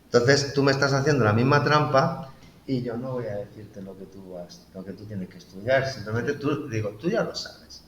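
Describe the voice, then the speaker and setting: A man's voice: mid-range voice, moderate pace, fairly bright tone. Reflective man, echoey room. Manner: reflective, uses quoted inner dialogue. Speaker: guest. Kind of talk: casual conversational interview. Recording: echoey room with faint noise.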